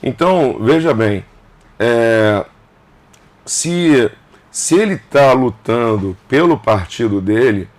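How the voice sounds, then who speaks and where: A man's voice: medium pitch, expressive, slow. A man in his fifties, a governor being interviewed on a casual podcast, who speaks emphatically in short clauses and repeats phrases. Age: 50s.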